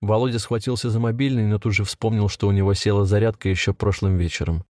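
Man, audiobook narrator, low voice, steady measured reading, close dry mic. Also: no echo.

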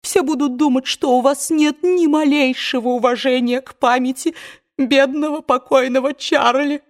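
A woman voicing a fretful elderly aunt who scolds gently and frets, in an audiobook. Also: high voice, fairly even intonation, moderate pace, pitched above the performer's own voice, close to an everyday voice. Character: fussy elderly aunt, easily tearful.

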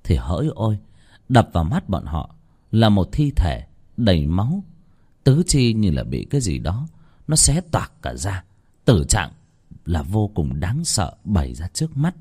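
A man's voice: low voice, huge pitch swings, a little slow, dark tone, slightly rough. A man, narrating a scripted horror story with dramatic tension.

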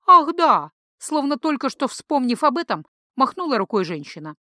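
A woman narrating a fantasy audiobook in an even, measured storytelling voice. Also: high-pitched, no echo, studio quality.

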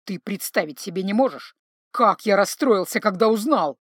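A woman's voice: mid-range voice, lively intonation, normal speed, no echo, clean studio sound, lightly acted. A woman voicing a sly middle-aged schemer who poses as a retired soldier and sighs with put-on sorrow. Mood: fretting. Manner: sighing, mock-tragic, sanctimonious.

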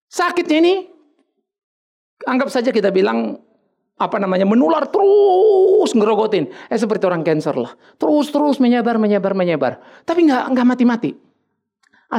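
A male pastor preaching with a swinging, lively pitch. His voice has a gravelly edge, and he jokes and drops English words as he goes. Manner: animated, joking, mixes in English words. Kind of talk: sermon.

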